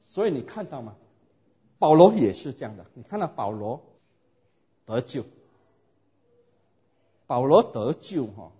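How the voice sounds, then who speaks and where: Guy preaching and telling his testimony, keeps asking the crowd questions, muffled old-sounding recording. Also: mid-range voice. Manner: animated storytelling, rhetorical questions to listeners. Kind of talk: sermon with personal testimony. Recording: dull lo-fi recording.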